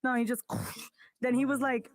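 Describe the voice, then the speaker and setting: A woman, co-hosting a podcast and telling a loud, profane story, acting out the people in it. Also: high-pitched, normal speed, no room sound. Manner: profane, lively storyteller, acts out quoted voices. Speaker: podcast co-host.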